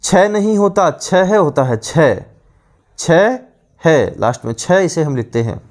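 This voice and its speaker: A man teaching an exam-prep grammar lesson, repeating each word slowly and quizzing with rhetorical questions. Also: a little high, sing-song, darkish tone.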